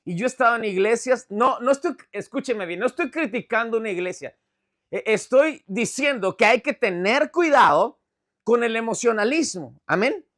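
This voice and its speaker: A man preaching a sermon in an animated, conversational way, often asking the congregation if they follow. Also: very high-pitched, normal speed. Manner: animated, conversational preaching with frequent check-ins. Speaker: pastor.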